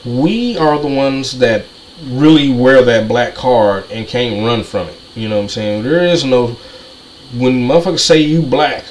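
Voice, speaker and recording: A male commentator with a medium-pitched voice delivers a heated monologue a little slowly, ranting in a repetitive, profane way. The audio is poor, with faint noise behind him.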